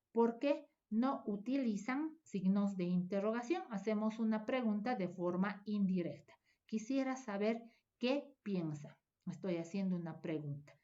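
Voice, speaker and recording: A woman's voice: medium pitch, dark tone. Woman teaching a grammar lesson, lo-fi sound. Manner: measured, step-by-step classroom explaining.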